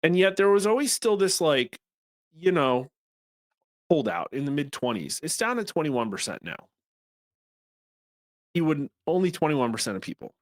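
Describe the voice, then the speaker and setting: A man's voice: a little high, sing-song, moderate pace, pauses often, no room sound, clean studio sound. A man hosting a political commentary show, talking through polling results in a conversational way with wry asides.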